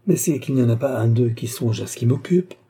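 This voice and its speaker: A man's voice: mellow, husky, close to an everyday voice. A man voicing a vain, imperious court countess, scolding and exclamatory, in an audiobook reading. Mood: complaining. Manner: exclamatory, scolding, fast and shrill.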